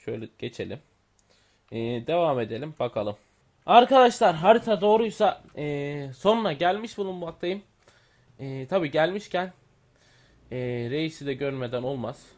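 A man's voice: fairly high pitch, animated, normal speed, a little mellow. Chatty young-sounding gamer man. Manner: chatty, thinks aloud, many fillers and self-corrections. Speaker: gaming YouTuber. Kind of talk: casual gameplay commentary.

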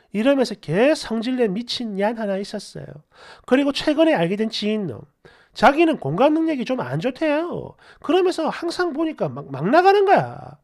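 A man hosting a story channel, reading online posts and comments aloud with animated, mocking commentary. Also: extremely high pitch.

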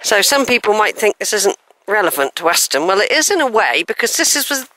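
An older woman vlogs while walking through open hilly fields, chatting casually to a handheld camera mic and rambling with asides and self-corrections. Her medium-pitched voice is sing-song, bright and forceful, and she talks fairly quickly over slight background noise.

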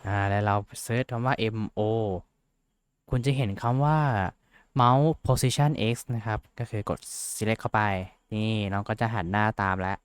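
Chatty young man, smooth and dry. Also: fairly low pitch, measured pace, dry recording. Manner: rambling, self-mocking, chatty with fillers. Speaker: VTuber tutorial host. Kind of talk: casual screen-share tutorial.

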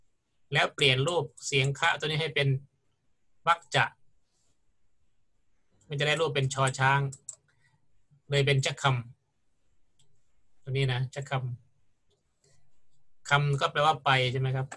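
A man's voice: medium pitch, flat delivery, takes it slowly, long pauses, sharp tone. A middle-aged man lecturing on grammar in a patient, explanatory way, often checking in with his students. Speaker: university lecturer.

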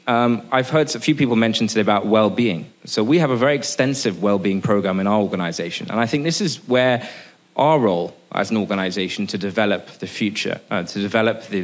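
A man from Sri Lanka in his forties giving a conference speech at a lectern microphone, earnest, with many restarts and fillers. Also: fairly low pitch. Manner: gestures at a lectern. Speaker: business executive speaking at a panel. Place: conference room, indoors.

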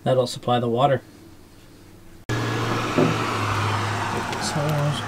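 Drawing out his words, a medium-pitched man gives casual, practical instructions for a trailer plumbing setup in the style of a DIY video. His intonation stays fairly even, and there's clear background noise.

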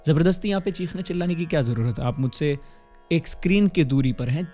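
Guy teaching singing, kinda high voice, talks close to the mic, keeps asking "right?", harmonium humming underneath. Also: lively intonation, quick pace, warm tone, faint music behind. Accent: Hindustani. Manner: explains patiently, often checks with "है ना?". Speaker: music teacher. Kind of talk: spoken music lesson with sung demonstrations. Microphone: close studio microphone. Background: harmonium playing.

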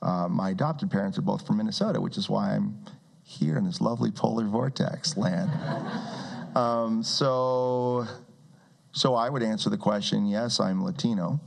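A Brazilian man in his forties, invited as a guest speaker, gives a public talk with audience questions in a community meeting room where people sit listening. Holding a handheld mic, he talks conversationally, restarting often and slipping in wry asides. His voice is gravelly and fairly low, and he keeps a measured pace.

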